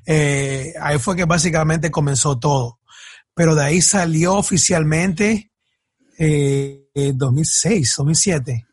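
Husky hesitant man from Ecuador. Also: fairly high pitch, slow, no echo, clean studio sound. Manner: hesitant, many fillers and restarts. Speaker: guest musician. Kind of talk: casual podcast interview.

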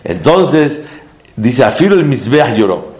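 A man teaching a Torah class to a live audience as a rabbi. He talks emphatically, sweeps up in pitch to stress his points, and mixes Hebrew terms into his speech. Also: very animated, slow, a little mellow.

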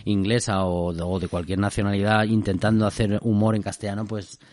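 A man co-hosting a podcast, chatting casually and cracking jokes with quick asides. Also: fairly low pitch, little pitch movement, a little mellow, no room sound. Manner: playful, jokey, quick asides. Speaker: podcast co-host, comedian. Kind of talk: casual chat.

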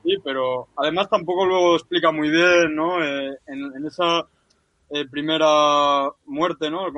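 A man's voice: a little high, fairly even intonation, a little slow, sharp tone, no room sound, poor audio. A man chatting casually about films as a podcast panelist, jokey and often ending phrases with a question tag. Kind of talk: casual film discussion.

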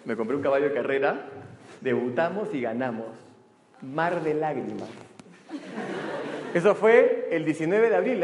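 Energetic Peruvian man on a hall stage. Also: fairly high pitch. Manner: energetic and joking. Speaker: motivational speaker. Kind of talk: live seminar talk. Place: large hall before an audience. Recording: echoey hall with faint room noise.

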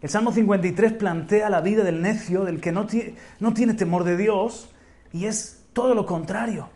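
Impassioned high-voiced Spanish pastor. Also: male voice, normal speed, warm tone. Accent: Spain Spanish. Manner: impassioned, rising to exclamations. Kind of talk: sermon.

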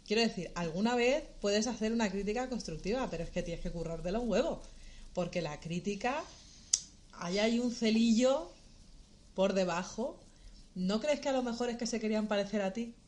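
A woman co-hosting a casual chat, teasing the others and speaking with animated emphasis. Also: mid-range voice, normal speed. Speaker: co-host.

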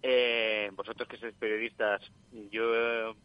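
A man calling in to a show over the phone, telling anecdotes in an unhurried, chatty way. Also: fairly low pitch, level tone, clear, resonant tone. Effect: heard over the phone. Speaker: caller. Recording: muffled phone line.

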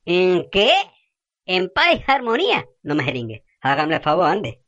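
A woman's voice: on the low side, very animated, a little slow, fairly bright tone, highs cut off, heavily acted. A woman playing a fiery, foul-mouthed middle-aged gossip who rants indignantly in rural slang.

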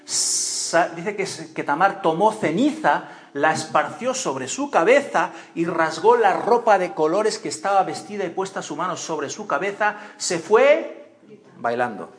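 A pastor preaching a sermon in church, telling stories with acted-out voices and questions to the congregation. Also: male voice, high-pitched, unhurried. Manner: animated storytelling, acts out voices and cries, asks the congregation questions.

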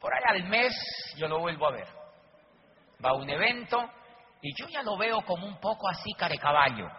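A man's voice: high-pitched, big pitch swings, normal speed. A man giving an emphatic motivational business talk, repeating his key lines and addressing the audience directly. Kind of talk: motivational talk with acted anecdotes. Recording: dull lo-fi recording with faint noise.

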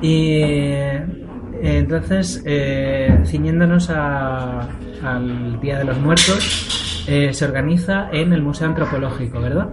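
A man's voice: a little high, takes it slowly, very noisy. A man hosting a radio interview, chatty and prompting the guest, often backing him with "ujú". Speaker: radio host.

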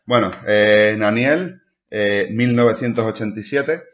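A man hosting a casual podcast, joking crudely and reading listener comments aloud. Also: lowish voice. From Ciudad Real, Spain. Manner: crude, joking, drawn-out fillers. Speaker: podcast host. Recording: dull lo-fi podcast audio.

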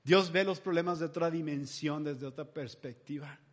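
A man's voice: fairly high pitch, normal speed. A man preaching a sermon in a chatty, humorous storytelling style. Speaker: pastor.

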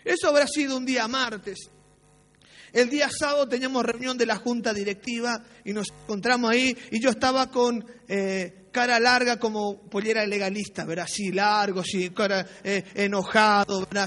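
A man's voice: sits high, fairly bright tone. A man preaches a sermon, recounting his own past in an anecdotal, self-mocking way. He keeps checking in with his listeners through short tag questions. His voice trails off into the long reverb of a church hall. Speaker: pastor. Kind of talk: sermon with personal storytelling.

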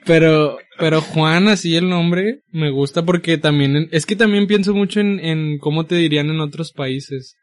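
A man's voice: fairly high pitch, moderate pace, few pauses. A man, joking and laughing through a casual podcast chat with friends. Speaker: podcast co-host.

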